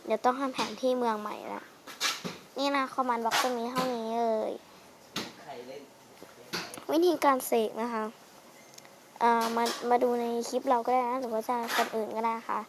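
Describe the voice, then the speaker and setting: A woman's voice: on the high side, level tone, moderate pace, pauses often, background noise. A young woman casually chatting while playing a computer game, rambling playfully into a headset mic close to her mouth. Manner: rambling, playful, polite sentence endings. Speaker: game channel host. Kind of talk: casual chatty gameplay commentary.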